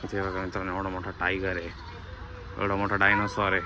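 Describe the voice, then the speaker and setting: A man's voice: low-pitched, completely flat delivery, brisk. A man filming a family vlog in a public garden, talking casually to his viewers and urging the children along. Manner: chatty, addresses viewers as friends, hurries the children along. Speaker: family vlogger. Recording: outdoor phone audio with loud street noise.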